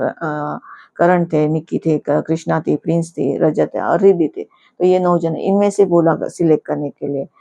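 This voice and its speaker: A woman's voice: lowish voice, creaky, dark tone, dull audio. A woman casually recapping a reality show episode, indignant at times and retelling scenes through quoted lines.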